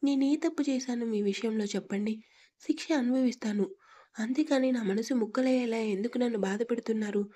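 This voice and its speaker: A woman voicing a pampered, frightened young wife in a storybook reading, pleading through sobbing complaints, with a husky tone. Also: a little high, quick pace, mellow, lightly acted. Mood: tearful pleading.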